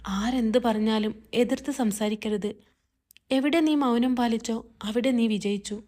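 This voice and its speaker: A woman's voice: on the high side, measured pace, warm tone, natural voice. A woman voicing a caring older brother who soothes and advises his sister in a read-aloud family story. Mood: comforting.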